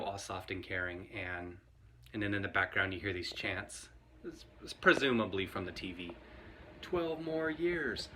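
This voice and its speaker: A man's voice: on the low side, pushed and bright, a little hiss or hum. A man vlogging casual commentary to camera, talking in a rambling, conversational way and often laughing.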